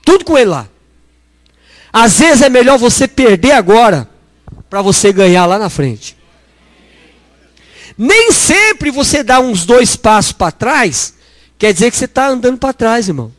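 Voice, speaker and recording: A middle-aged Brazilian man preaching a lively sermon full of storytelling, who acts out dialogue and calls his listeners brothers. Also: very high-pitched, unhurried, long pauses, no room sound. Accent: Brazilian Portuguese. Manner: animated, acts out dialogue, addresses congregation as brothers.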